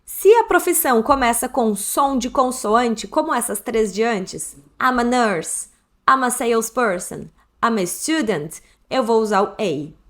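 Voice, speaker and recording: Bright-voiced Brazilian woman teaching English. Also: on the high side, animated. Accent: Brazilian Portuguese. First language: Portuguese. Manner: explains step by step, slows to model English phrases for repeating. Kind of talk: online language lesson.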